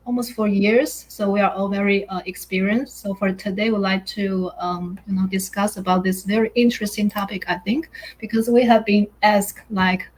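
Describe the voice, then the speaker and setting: A woman's voice: medium pitch, steady tone, normal speed, poor audio. A middle-aged woman from Taiwan, hosting a live online chat over a video call in a chatty, hesitant way, full of "uh" and "you know". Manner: chatty, hesitant, with many fillers. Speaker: host.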